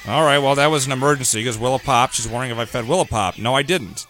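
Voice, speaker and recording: A man's voice: mid-range voice, quick pace, a bit bright, soft background music. A man hosting a talk radio show, ranting in a sarcastic, opinionated way.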